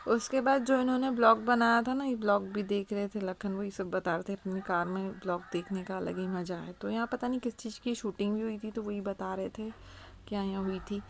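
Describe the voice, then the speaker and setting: Gravelly-voiced woman chatting casually. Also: mid-range voice, fairly even intonation, a little fast, a little hiss or hum. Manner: chatty, filler-heavy storytelling with "to" and "matlab". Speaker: vlog recap narrator. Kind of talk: casual recap narration of another family's vlog.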